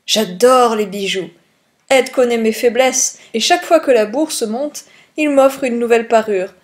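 A woman's voice: on the high side, a little slow, natural voice. A woman reading a gushing rich lady. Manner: effusive, boastful.

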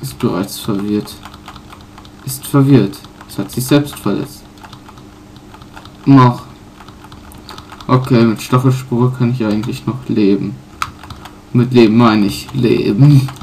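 A man casually commenting on his own playthrough, pausing often with fillers and correcting himself. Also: mid-range voice, fairly even intonation, vocal fry, darkish tone, a little hiss or hum. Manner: halting, many fillers and self-corrections. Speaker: let's player.

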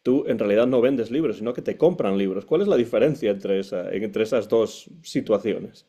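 A man's voice: lowish voice, normal speed, warm tone, slightly rough. A middle-aged man from Vigo, Spain, hosting an interview on a video call, asking questions hesitantly with repeated words. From Spain (Vigo, Galicia). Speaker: interviewer host. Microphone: earphone mic on video call. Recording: dull lo-fi call audio.

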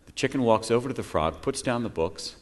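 A man's voice: medium pitch, expressive, fairly quick. A man telling jokes and stories in a folksy, humorous manner at a live storytelling show. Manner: folksy, joking delivery. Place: festival stage in a library. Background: banjo playing.

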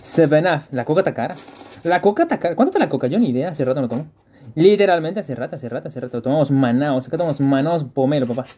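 A male game streamer, his pitch swinging up and down as he talks. His voice is husky and mellow. He chats with his viewers and repeats phrases in quick bursts. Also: animated. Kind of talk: live gameplay stream, chatting with viewers.

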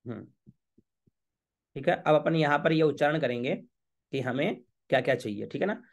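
Priest calmly explaining a ritual. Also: male voice, fairly high pitch, creaky. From Rajasthan, India. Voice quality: chants Sanskrit verses slowly. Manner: patient, repeats checks like "okay?". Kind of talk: step-by-step ritual instruction.

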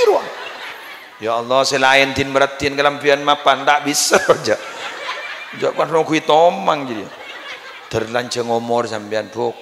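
A man preaching a comic sermon with a Madurese accent, jokey and lively, often laughing and breaking into chant, at a live religious gathering. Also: medium pitch, a little hiss or hum. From Indonesia. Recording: echoey live hall with ambience.

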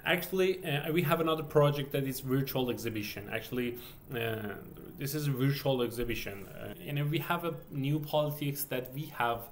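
A man in his thirties from Iran, a game developer vlogger, speaks Persian-accented English as a second language while hosting a casual screen-share walkthrough from his indoor home office. He is hesitant, with many fillers and restarts, and his mid-range voice keeps a moderate pace.

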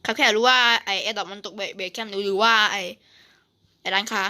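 A woman chatting casually and excitedly while playing a video game, often repeating short phrases. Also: mid-range voice, quick pace. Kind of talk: excited casual gaming chat. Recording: faint background noise, clicks.

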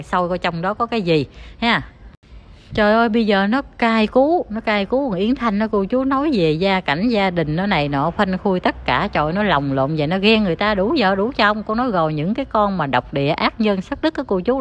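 A woman, ranting as an online commentator who talks straight to her viewers in a heated, scornful, insulting tone. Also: mid-range voice.

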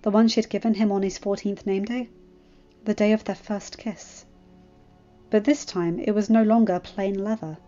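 An amateur fan fiction narrator, a woman, reads a scripted story aloud in a warm, medium-pitched voice with a steady tone at normal speed. The recording is muffled and lo-fi, with music playing behind her.

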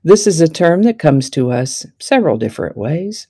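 Gravelly-voiced woman hosting a history segment. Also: sits low, sing-song, normal speed, dark tone, no room sound. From Texas. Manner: chatty, wry asides, stretches words for emphasis. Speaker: host. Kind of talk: scripted daily history segment.

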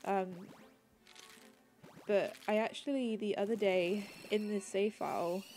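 Slow and meandering, this woman hosts a gaming channel and chats casually over her gameplay, peppering it with ums and restarts. Her medium-pitched voice sounds mellow yet slightly congested and raspy from a cold. Faint, soft background music sits under her speech.

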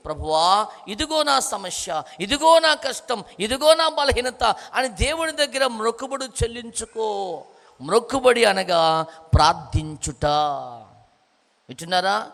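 A male pastor preaching a morning prayer sermon fervently, firing rhetorical questions at listeners and building to near-shouts. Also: sits high. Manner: swells to near-shouts in climaxes. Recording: long hall reverb.

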